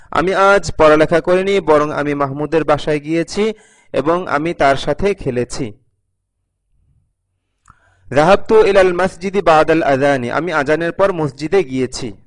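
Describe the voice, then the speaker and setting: A male teacher giving a recorded video lesson, patiently reading sentences aloud and translating each one, often repeating them. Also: fairly high pitch. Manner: reads each sentence, then translates it line by line; patient, repeats phrases for learners. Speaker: Arabic teacher.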